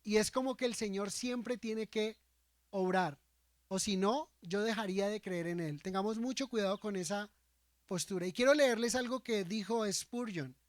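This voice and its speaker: A man's voice: sits high, moderate pace, dry recording. Male pastor preaching in a dry sound. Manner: asks the congregation frequent rhetorical questions; acts out quoted speech from scripture. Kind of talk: sermon.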